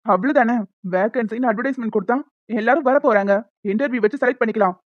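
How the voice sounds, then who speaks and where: A woman voicing a hot-tempered young man in a cartoon, scolding and quick. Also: fairly high pitch, no echo, close to an everyday voice. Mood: angry. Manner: scolding, fast. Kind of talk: cartoon dialogue. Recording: dull lo-fi dry sound.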